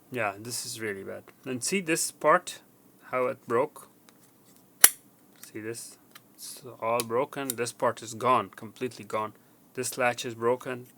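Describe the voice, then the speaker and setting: A man with a medium-pitched, creaky voice that sounds pushed and bright presents a casual, unscripted tech repair tutorial. Talking informally, he repeats words for emphasis, and there's a slight hiss or hum.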